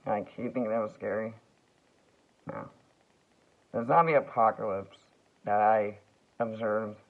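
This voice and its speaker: Slow, gravelly man, tinny sound. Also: fairly low pitch. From United States. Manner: slow, meandering, halting with fillers and restarts. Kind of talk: rambling vlog monologue.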